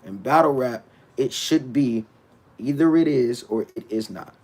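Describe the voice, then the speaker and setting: Unhurried and darkish in tone, a mid-range male voice delivers a casual livestream rant. The battle rapper talks back to his chat bluntly and animatedly, restarting his words as he answers.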